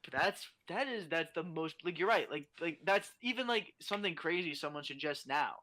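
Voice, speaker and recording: A man's voice: a little high, lively intonation, normal speed, bright, forceful tone. A young adult man talking as a guest in a casual podcast chat, ranting animatedly and swearing a lot.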